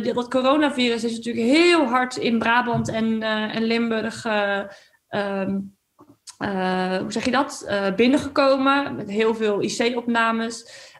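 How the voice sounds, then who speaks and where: A woman from the Netherlands hosts a casual podcast interview, talking in a chatty, searching way with plenty of fillers. Her voice sits a touch higher than most. She sounds loose and conversational. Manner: chatty, searching for words, laughs easily. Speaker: podcast host.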